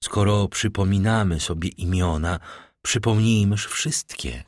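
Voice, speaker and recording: A man voicing a middle-aged, vengeful nobleman who speaks with icy calm and bitter irony. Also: on the low side, measured pace, no room sound, studio quality, close to an everyday voice.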